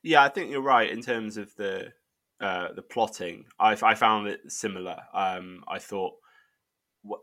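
A man with a low but bright, forward voice hosts a casual film review. He is chatty and informal, feeling his way haltingly through his opinions. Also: dry recording, studio quality. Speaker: film review show host.

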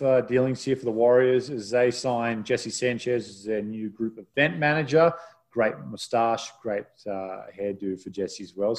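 Man, low voice, podcast host, casual news roundup, relaxed, rambling. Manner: relaxed, rambling, with filler restarts.

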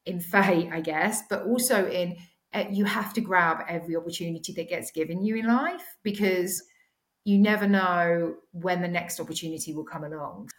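A woman in her forties with a slightly croaky, sore-throated voice, chatting casually and a little hesitantly as a podcast guest. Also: on the low side, normal speed. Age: 40s. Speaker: podcast guest, finance executive. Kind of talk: casual interview chat. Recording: echoey home recording.

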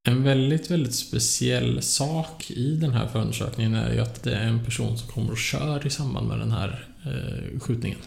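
Gravelly man with a roomy echo. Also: mid-range voice, few pauses, a little mellow. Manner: hesitant, many fillers and restarts. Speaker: podcast co-host. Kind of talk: casual true-crime podcast chat. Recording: echoey room.

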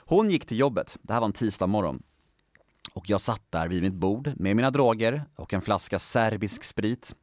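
A young man tells his story in a relaxed, lively way. He acts out the voices he quotes and swears casually. His voice sits fairly low and sounds dry and close. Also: no room sound. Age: young adult. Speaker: guest.

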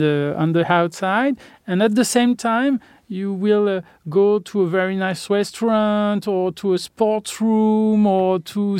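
A man's voice: high voice, a little mellow, smooth, no room sound, clean studio sound. A man with a French accent, an architect answering interview questions and searching for his words in English.

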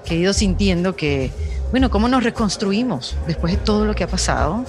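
A woman's voice: medium pitch, animated, brisk, over music. A woman podcast host in casual conversation, asking frank, earnest questions.

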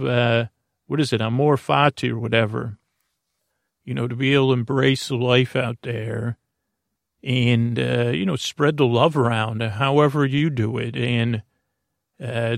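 Recorded in a clean studio without any room sound, this medium-pitched, vocal-fry voice belongs to a middle-aged Bay Area man. He hosts a sleep podcast, wandering hesitantly through a bedtime monologue littered with uhs.

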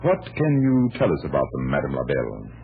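An actor playing a composed, inquisitive man who investigates mysteries, measured and deliberate, in an old-time radio drama. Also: extremely low pitch, wildly swooping pitch, vocal fry, exaggerated voice. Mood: composed, probing. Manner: measured, deliberate, thoughtful pauses. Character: composed, inquisitive male magician sleuth. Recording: tinny vintage radio recording with music.

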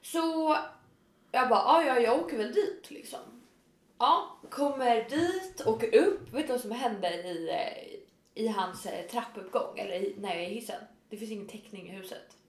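A woman's voice: a little high, roomy sound. A woman in casual chat, telling a story animatedly and acting out what people said. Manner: animated storyteller, acts out quotes.

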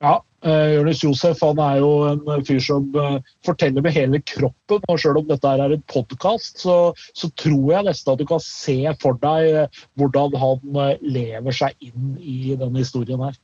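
A male podcast co-host in casual chat, relaxed, with many fillers. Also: fairly high pitch, hardly any pauses, slightly rough, no echo, dull audio.

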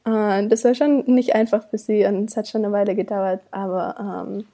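A woman's voice: medium pitch, fairly even intonation, moderate pace, warm tone. A woman in her twenties from Germany with a slight American accent in her German, chatting casually and often searching for words. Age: 20s. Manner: hesitant, filler-heavy, searching for words. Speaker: interview guest, art student. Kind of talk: casual conversational interview.

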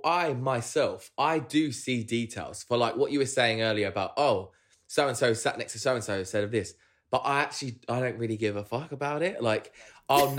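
A man's voice: mid-range voice, fairly bright tone. A man chatting casually as a panel guest in an offhand, sweary way. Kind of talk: casual chat.

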